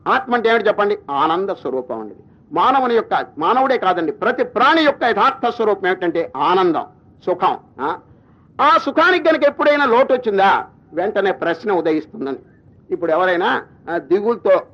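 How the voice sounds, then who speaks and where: Teacher, man, spiritual discourse; chants verses slowly, questions the audience; muffled recording. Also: sits high, very animated. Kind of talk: religious discourse. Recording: dull lo-fi recording.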